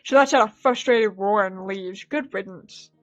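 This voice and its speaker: A woman's voice: mid-range voice, normal speed, dull audio, soft background music. A woman streamer reading a dating game's text aloud and reacting with laughing asides. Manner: animated, laughing asides between read lines.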